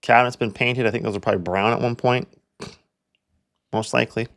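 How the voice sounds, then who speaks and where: A man's voice: medium pitch, steady tone, rapid-fire, a bit bright. A young man from Canada hosting a casual real estate walkthrough, chatty and full of "like" fillers. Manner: chatty, filler-heavy, lots of "like". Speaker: real estate agent and video host.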